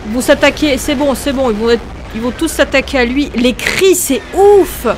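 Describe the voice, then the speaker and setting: A young woman hosting a video game, commenting excitably, often shrieking and laughing. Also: high voice, normal speed, background noise. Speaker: gaming video host.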